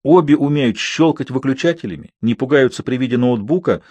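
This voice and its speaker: A man reading a novel aloud as an audiobook narrator, telling the story in an even, unhurried way with light irony. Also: medium pitch, no echo. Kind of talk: scripted narration.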